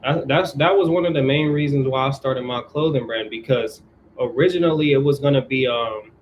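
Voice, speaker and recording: A young man hosting a casual chat on his channel, giving viewers advice in a relaxed way and repeating his key points. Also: medium pitch, brisk, highs cut off, a little hiss or hum. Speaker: YouTube host answering viewers.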